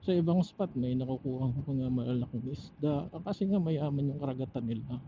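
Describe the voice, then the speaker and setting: A motovlogger and angler with a Filipino accent muses casually to himself while riding outdoors, often pausing in the middle of a thought. His voice is medium in pitch, recorded via a helmet intercom mic that's dull with faint noise.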